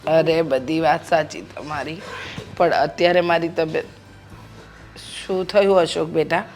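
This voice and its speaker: An actress playing a sick older mother who calms her family, in a short drama. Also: low voice, measured pace, soft background music. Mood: soothing. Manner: soothing, reassuring. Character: ailing older mother, soothing and worried.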